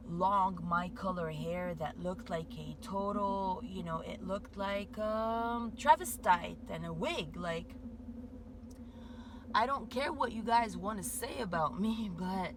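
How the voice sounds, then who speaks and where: A woman's voice: mid-range voice, slow. A woman giving a meandering spiritual monologue, full of "like" and "you know" fillers. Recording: steady background noise.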